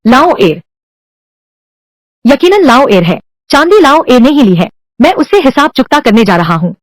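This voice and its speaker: A woman's voice: high-pitched, very animated, normal speed, no echo. A woman voicing a shrewd, scheming young village man in a dubbed drama, indignant and sly.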